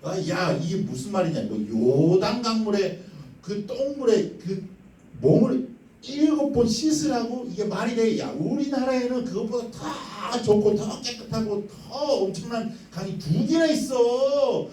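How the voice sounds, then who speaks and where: 남자가 연기하는 분노한 장군 나아만. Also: male voice, high voice, animated, unhurried, mellow, pitched above the performer's own voice. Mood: furious ranting. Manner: indignant ranting, mocking. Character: furious proud foreign army general, male adult. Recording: echoey sanctuary, distant mic.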